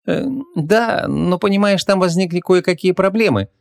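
A man voicing a brisk young policewoman in an audiobook, hesitant when covering up. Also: fairly high pitch, big pitch swings, no room sound, studio quality, pitched above the performer's own voice. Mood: evasive.

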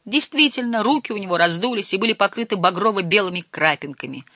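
A reader giving measured, scripted narration of a storybook. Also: mid-range voice, lively intonation, bright, forceful tone, no echo, clean studio sound. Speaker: audiobook reader.

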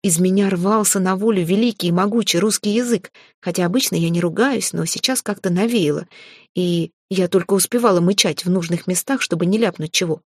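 A woman reading a first-person fantasy audiobook in a lively, expressive and wry way. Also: lowish voice, a little fast, slightly rough, no echo. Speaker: audiobook narrator. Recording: dry close recording.

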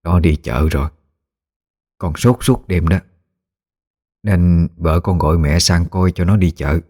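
A man voicing an elderly mother who fusses over her sick grown son and gently scolds him. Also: sits low, measured pace. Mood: fussing. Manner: scolding, fussing. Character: elderly mother, fussing and caring.

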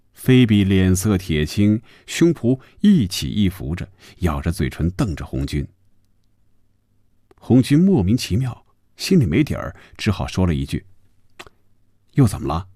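Male radio storyteller, very deep, hugely varied pitch, dry close sound. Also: measured pace, dry recording. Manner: lively, shifting voices for each character. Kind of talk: serial novel reading on radio.

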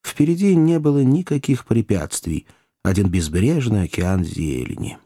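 A man reading an adventure novel aloud in an even, descriptive storytelling manner. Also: lowish voice, normal speed, no room sound, clean studio sound. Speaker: audiobook narrator. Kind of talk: scripted audiobook narration.

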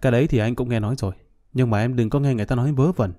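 A man voicing a sly, scheming middle-aged man who brushes off worries in a smooth, dismissive way, in a storybook reading. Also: medium pitch, very fast, dark tone, lightly acted.

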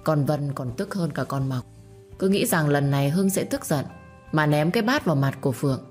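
A woman narrating a story in a steady, plain manner. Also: low-pitched, fairly quick. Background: faint music.

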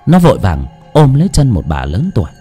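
A man's voice: medium pitch, huge pitch swings, brisk, mellow, slightly rough, soft background music. A man narrating an audiobook story dramatically.

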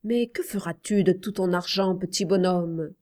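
A woman reading a storybook, voicing a gentle, cautious uncle who speaks in a measured way. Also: high voice, close to an everyday voice. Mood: worried. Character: kindly, cautious male uncle.

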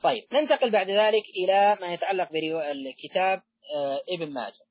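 A man giving an academic religious lecture, pausing often with drawn-out fillers and restarting his phrases. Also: sits high, breathy edge, no room sound, highs cut off. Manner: halting delivery with frequent drawn-out fillers and restarts. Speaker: lecturer on hadith studies.

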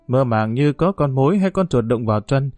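Man narrating a novel, dark-toned voice. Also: mid-range voice, animated, moderate pace, dry recording, faint music behind. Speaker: audiobook narrator.

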